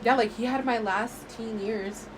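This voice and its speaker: A woman's voice: fairly high pitch, fairly even intonation, measured pace. A woman in her early twenties co-hosting a podcast in casual chat. She talks animatedly, laughs often and acts out her past self in quoted asides. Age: early 20s. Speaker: podcast co-host. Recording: noisy background hiss.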